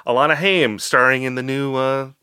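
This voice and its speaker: Bright-voiced man chatting casually. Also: mid-range voice, fairly even intonation, moderate pace, smooth, dry recording, clean studio sound. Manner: chatty, playful, slips into put-on accents. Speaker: podcast co-host. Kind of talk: casual chat.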